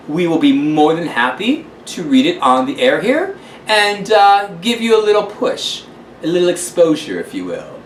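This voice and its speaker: Posh London society lady, played by a man, theatrical, lively pitch, distant mic, faint room hum. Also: echoey room. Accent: put-on London English. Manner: theatrical, gushing, calls listeners darlings.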